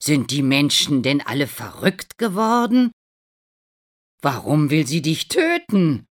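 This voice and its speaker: A woman's voice: sits low, sing-song, takes it slowly, full character voice. A woman voicing a friendly, cheerful donkey in a storybook reading, encouraging the others.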